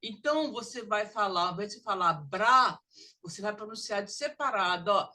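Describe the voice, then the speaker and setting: A woman's voice: medium pitch, expressive, bright, forceful tone. A woman with a Brazilian Portuguese accent teaching a pronunciation lesson, drawing out model sounds. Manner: drawn-out, exaggerated model sounds. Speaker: literacy teacher.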